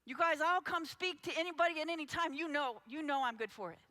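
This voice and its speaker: A woman's voice: high voice, quick pace, bright, forceful tone. A woman advocate giving an impassioned conference talk, urgent and speaking straight to the audience. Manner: urgent, addresses the audience directly. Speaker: anti-trafficking advocate.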